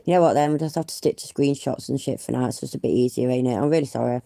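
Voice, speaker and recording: A livestream host with a cold talks very fast in an extremely low, creaky, dark voice. Chatting casually on her phone, she swears freely and is self-deprecating, her nose clearly congested.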